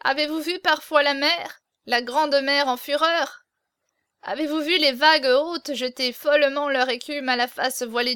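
A woman's voice: sits high, a bit bright, dry recording, studio quality. Stammering little hunchback, read by a woman. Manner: hesitant, stammering, turning fervent. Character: humble, stammering little hunchbacked man, secretly intense. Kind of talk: audiobook character reading.

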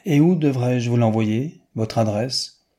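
A man's voice: medium pitch, slow, dark tone. A man reading aloud, voicing a sly, coquettish young woman copyist who bargains teasingly.

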